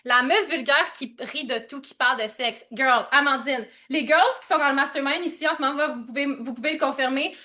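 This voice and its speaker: A high, bright-voiced young woman with a Québécois accent hosts a live coaching stream. She talks loud and fast, laughs a lot and sprinkles in English slang. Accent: Québécois French. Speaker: coach hosting a live session.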